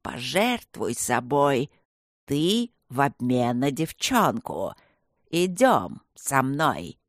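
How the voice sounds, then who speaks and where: A woman voicing a demonic evil spirit that possesses a young girl, speaking in a slow, creaking, droning, inhuman voice. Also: rumbling low, sing-song, no room sound, clean studio sound, pitched below the performer's own voice, exaggerated voice. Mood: menacing. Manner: slow, menacing, mocking.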